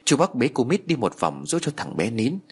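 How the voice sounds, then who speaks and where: A man narrating a horror story with expressive storytelling. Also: mid-range voice, brisk, slightly rough. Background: faint music.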